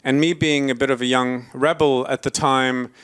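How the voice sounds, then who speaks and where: Speaking at normal speed with a medium pitch and fairly even intonation, this forty-something man from Belgium delivers a conference keynote to an audience. His tone is clean and slightly bright; he hesitates often, restarts, fills pauses, and pokes fun at himself.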